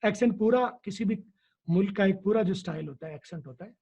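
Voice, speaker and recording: In an interview, a male English teacher with a high, warm, slightly breathy voice explains things at a quick pace, repeating key words in a teacherly way to drill them in. The recording is dull and lo-fi.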